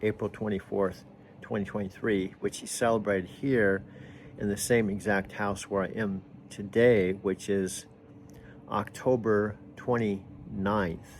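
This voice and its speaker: A man vlogging outdoors near his house, talking casually and excitedly to his camera. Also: on the low side, unhurried, slight background noise.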